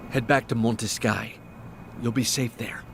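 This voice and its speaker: An actor playing a stern male game commander who gives firm, measured orders. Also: mid-range voice, steady tone, background noise, close to an everyday voice. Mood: commanding. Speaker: game character giving orders.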